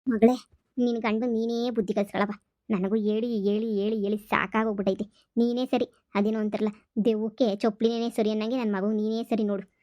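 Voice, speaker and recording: A woman's voice: on the high side, little pitch movement, a little fast, dry recording, lo-fi sound, lightly acted. A woman voicing a stern, exasperated village mother-in-law in a cartoon comedy, speaking. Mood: scolding. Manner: sharp, scolding, exasperated.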